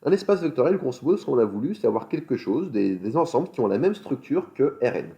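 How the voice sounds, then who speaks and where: A man teaching a recorded math lecture, explaining step by step, with fillers and quick self-corrections. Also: medium pitch, very animated, gravelly, warm tone. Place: school in France.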